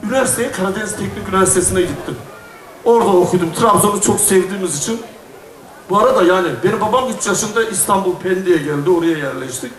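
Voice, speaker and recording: A man's voice: high-pitched, quick pace, far from the mic. A middle-aged man from Istanbul, a folk singer chatting and joking with an audience from the stage, telling stories and laughing at himself. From Istanbul, Turkey. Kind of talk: casual stage chat to an audience. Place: stage at a crowded event venue. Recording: echoey venue, voice heard from afar.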